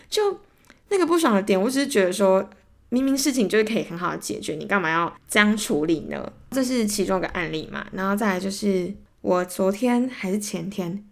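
A woman's voice: mid-range voice, creaky. A young woman with a Taiwanese Mandarin accent hosting a solo podcast, telling stories animatedly and acting out both sides of arguments, growing exasperated. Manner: gets heated and exasperated while retelling. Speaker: podcast host. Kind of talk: casual solo ranting storytelling.

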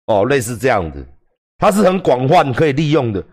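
A man's voice: mid-range voice, big pitch swings, fairly quick, a little mellow. Crude, joking Taiwanese male streamer. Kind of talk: casual livestream commentary.

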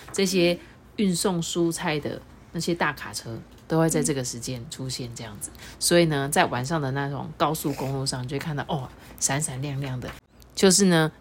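A woman's voice: low voice, slight background noise. Woman chatting through a picture book. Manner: chatty, explaining asides between passages. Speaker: storyteller. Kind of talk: reading a picture book aloud to children.

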